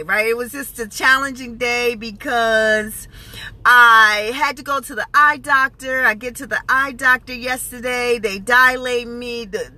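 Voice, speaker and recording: A woman with a high, bright voice tells a personal story to viewers on a live stream. She talks casually and with animation, breaking off now and then to greet people who have joined. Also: poor audio. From New Jersey.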